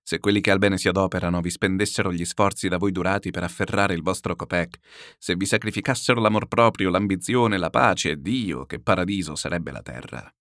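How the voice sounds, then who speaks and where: A man voicing a calm, pious older man who admonishes gently, slow and grave. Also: low-pitched, dry recording, studio quality. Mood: grave gentle. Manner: slow, grave, quietly reproachful.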